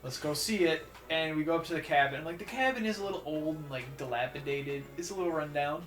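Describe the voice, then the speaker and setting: A young man co-hosts a game playthrough, telling stories and joking in casual chat. His voice is bright and a bit high, with a sharp edge. The mic picks up a roomy echo. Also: fast, soft background music. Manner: joking, playful storyteller. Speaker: let's play co-host. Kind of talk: casual gaming commentary chat.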